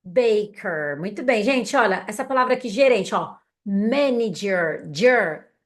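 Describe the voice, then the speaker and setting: A young adult woman with a Brazilian Portuguese accent runs an English lesson, calling out words in an unhurried, patient way. She speaks at a mid pitch and keeps repeating the drill so learners can follow along after her. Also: lively intonation. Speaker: English teacher.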